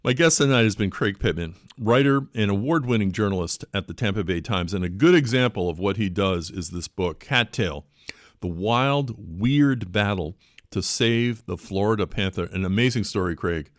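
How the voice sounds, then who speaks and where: A man's voice: fairly low pitch, expressive, normal speed, dry recording, studio quality. A man hosting a radio interview, with a conversational manner full of chuckling asides. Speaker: radio show host. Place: radio studio.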